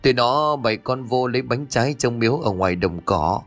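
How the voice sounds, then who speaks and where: A man's voice: medium pitch, expressive, a little fast, a bit bright, soft background music. A man voicing a frightened little boy who talks in a stammering, fearful way. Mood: scared.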